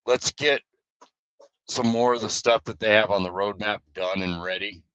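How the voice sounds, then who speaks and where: A man's voice: fairly low pitch, fairly even intonation, normal speed, fairly bright tone, clear, resonant tone, no echo, dull audio. A man chatting loosely on a live stream as guild leader, rambling with fillers and restarts. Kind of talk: casual live stream chat.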